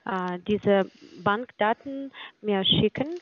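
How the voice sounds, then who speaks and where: A young woman in her 20s, posing as an agent from a finance company, speaks on a dull-sounding phone call. Her medium-pitched voice has no room sound, and her phrasing is halting, hesitant and broken.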